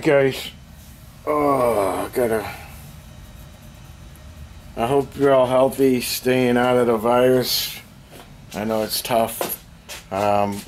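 An older man talks slowly and deeply, clearing his throat now and then as he rambles in a self-deprecating way. He is filmed on a handheld camera in a cluttered basement hobby room, with a faint hum in the background. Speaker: miniature painting hobbyist. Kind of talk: casual show-and-tell update.

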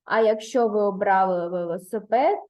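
A woman's voice: medium pitch, moderate pace, darkish tone. A woman teaching a primary school lesson to young pupils, patient and encouraging, praising answers and prompting the next step. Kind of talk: online lesson for third graders. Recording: roomy echo.

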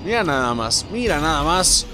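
A man with a Mexican accent narrates his own shooter game run, cursing and taunting enemies as he goes. His voice sits a bit high and swings wildly up and down. Game music plays clearly behind him. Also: normal speed. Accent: Mexican Spanish. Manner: excitable, swears constantly, talks to the enemies and viewers. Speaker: gaming video host. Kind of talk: playing a shooter video game with excited commentary.

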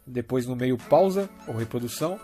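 A Brazilian man presents a phone app tutorial, walking through it step by step in a casual way and often checking in with "tá?" and "né?". His medium-pitched voice is animated and warm, at a moderate pace, with faint music in the background.

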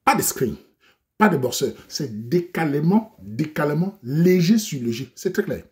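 A man's voice: a little high, big pitch swings, measured pace. A Cameroonian man telling a comic story in a theatrical, mocking way, full of slang, with a Cameroonian French accent. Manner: théâtral, moqueur, plein d'argot. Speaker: comedic storyteller.

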